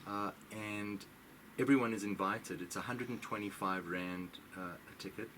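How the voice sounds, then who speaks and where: A man, a musician and concert organizer, giving details as a radio guest in a steady, practical way. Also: lowish voice, moderate pace, slight background noise, rough recording. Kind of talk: radio interview.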